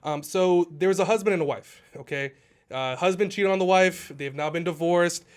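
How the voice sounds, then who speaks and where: A man who is a guest on a real estate podcast, telling stories in a casual, animated way and acting out the people he quotes. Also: high voice, moderate pace, clean tone. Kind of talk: casual storytelling.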